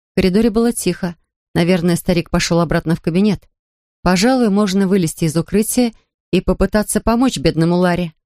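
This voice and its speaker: A woman narrating a children's storybook aloud in an expressive reading voice. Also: mid-range voice, dry recording, clean studio sound. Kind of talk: audiobook narration.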